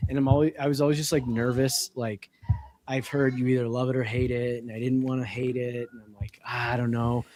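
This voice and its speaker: A man's voice: medium pitch, level tone, brisk, a little mellow, a little hiss or hum. A man co-hosting a casual gaming podcast, talking in an easygoing, rambling way. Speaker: podcast co-host.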